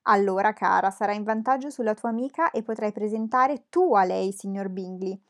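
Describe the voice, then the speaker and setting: A wry, slow-spoken gentleman father, as a woman reader gives him voice, dry and ironic in a storybook reading. His words come measured, teasing his family with calm mockery. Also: mid-range voice, lightly acted.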